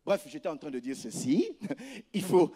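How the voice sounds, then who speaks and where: High-voiced man preaching a sermon. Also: sing-song, moderate pace, slightly rough. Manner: preaching with emphatic rises and soft asides; repeats words while searching for phrasing. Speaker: pastor.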